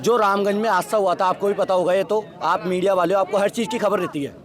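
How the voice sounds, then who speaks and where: A man with a high voice argues combatively with a reporter at a street protest. He keeps repeating his points, and a loud crowd surrounds him. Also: steady tone, fast talker. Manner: insistent, combative, addresses reporter as sir. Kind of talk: heated street interview.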